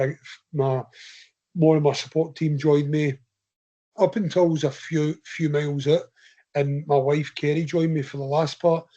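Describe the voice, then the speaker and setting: A Scottish man on a casual podcast, talking a little higher than most men as he rambles through a long story. The audio is slightly dull and lo-fi. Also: warm tone. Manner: long rambling anecdotes told in his own voice. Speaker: guest ultra runner.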